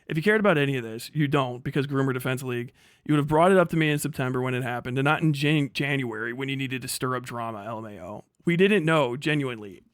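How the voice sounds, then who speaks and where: Speaking quickly in a mid-range voice, this man hosts a livestream and reads out messages, reacting with an agitated, profanity-heavy rant. He sounds vehement throughout. The sound is dry and of studio quality.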